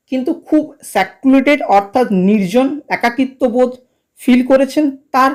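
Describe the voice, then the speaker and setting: A woman's voice: fairly high pitch, darkish tone. A woman teaching a poetry lesson for exams, mixing in English terms and repeating the key points. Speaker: literature teacher. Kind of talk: exam-focused lecture.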